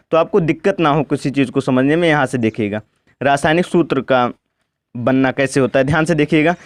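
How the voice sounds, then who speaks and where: A man teaching chemistry at a board, speaking slowly and asking questions he then answers himself. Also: on the high side, no room sound. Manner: asks questions and answers them himself, repeats "ठीक ना". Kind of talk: board lesson, step by step.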